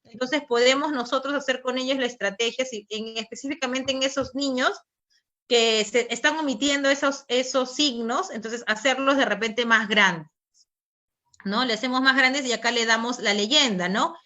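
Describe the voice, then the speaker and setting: A woman's voice: sits high, moderate pace, sharp tone. A woman from Peru with a Peruvian Spanish accent, giving a conversational teacher training talk, full of fillers and tag questions.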